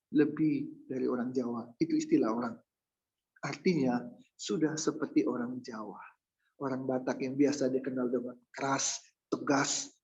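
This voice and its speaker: A male pastor preaching a sermon, humorous and lively, acting out the voices he quotes. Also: medium pitch, dull audio.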